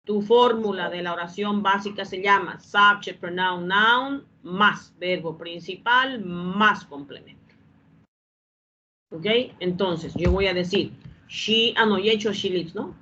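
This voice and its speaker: A woman's voice: mid-range voice, slow, pushed and bright. A woman teaching an English grammar lesson, patiently repeating each step and asking whether the class has understood. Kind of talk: classroom explanation. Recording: dull lo-fi sound with faint background hum.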